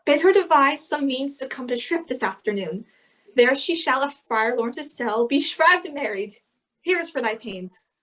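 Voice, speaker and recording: A woman's voice: sits high, animated, normal speed, a bit bright. A woman reading the part of an earnest young male lover in an amateur Shakespeare reading.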